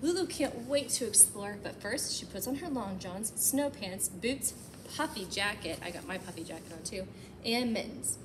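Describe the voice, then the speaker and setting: Reading a picture book to young kids, this storytime host is lively and expressive and stops for friendly little asides. She speaks at a moderate pace in a medium pitch, and background noise is audible.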